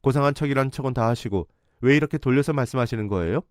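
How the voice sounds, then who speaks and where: A man's voice: mid-range voice, very fast, clean tone, no room sound, clean studio sound, natural voice. A man voicing an indignant young woman nurse who speaks sharply and defiantly.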